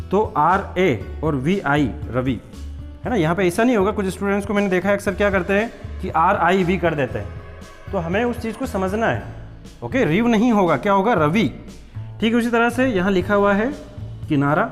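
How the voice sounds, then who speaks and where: A man's voice: high-pitched, long reverb tail. A man teaching a patient, step-by-step spelling lesson, repeating words and checking that students follow. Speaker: English teacher. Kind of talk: classroom-style spelling lesson.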